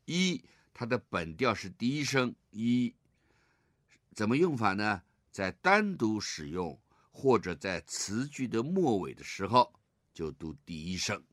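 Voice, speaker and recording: A man teaching a poetry reading lesson. He tells the story behind the poem, recites lines slowly and expressively, and leads listeners in reading along. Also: lowish voice, dry recording, studio quality. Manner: expressive, drawn-out recitation of verse; guides listeners to read along.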